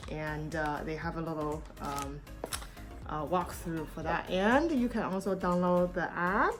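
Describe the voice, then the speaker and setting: A woman from China, raised in the United States, talking casually to camera in a product review vlog, meandering with frequent ums and restarts. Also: fairly low pitch. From born in China, raised in the United States. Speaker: YouTube vlogger.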